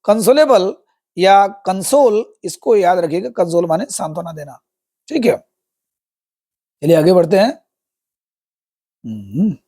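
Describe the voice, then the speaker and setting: High-voiced, slow male English teacher. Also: dark tone. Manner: explains word by word, repeats meanings, addresses viewers as friends. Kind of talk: Hindi-medium English lesson explaining a story.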